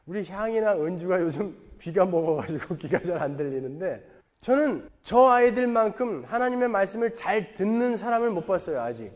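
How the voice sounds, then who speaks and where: A pastor giving a sermon, telling a story with jokes and stressing his points. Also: high-pitched. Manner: animated storytelling with a joking, emphatic delivery. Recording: dull lo-fi sound in a long-reverb church hall.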